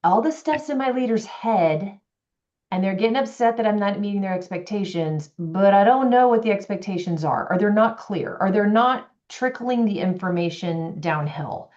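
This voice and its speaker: Animated woman executive coach, lo-fi. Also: medium pitch, moderate pace. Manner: animated, acts out quoted voices. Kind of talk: podcast conversation. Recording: dull lo-fi audio.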